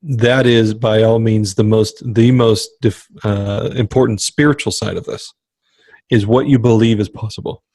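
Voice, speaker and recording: A man's voice: lowish voice, fairly even intonation, normal speed, darkish tone, no room sound. Emphatic man, dry close mic. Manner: emphatic, repeats his points, motivational. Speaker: podcast co-host. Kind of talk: casual podcast chat.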